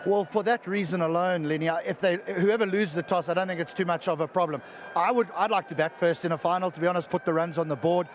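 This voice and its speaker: Male cricket pundit, slightly high voice, conversational analysis, faint background noise. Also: fairly even intonation, fast talker.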